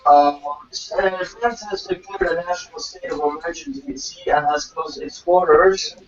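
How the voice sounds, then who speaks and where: A man hosting a livestream, giving a halting, hesitant news update over a muffled call line that makes him sound underwater. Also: high voice, soft background music. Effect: muffled, underwater-sounding online call audio. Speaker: stream host. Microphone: remote voice call.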